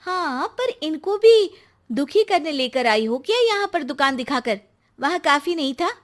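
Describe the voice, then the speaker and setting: A woman acts out a young married woman in a cartoon tale. Her voice is high and plaintive. She is easily hurt and ready to argue her side. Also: expressive, a little slow. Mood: indignant. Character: young wife, anxious, easily hurt and quarrelsome. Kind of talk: Hindi cartoon story dialogue.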